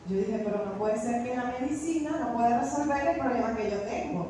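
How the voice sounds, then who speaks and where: High-voiced woman preaching in an echoey hall. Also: brisk, mellow. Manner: dramatic storytelling with rising proclamations. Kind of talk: charismatic sermon with personal testimony. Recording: echoey hall from far off, faint noise.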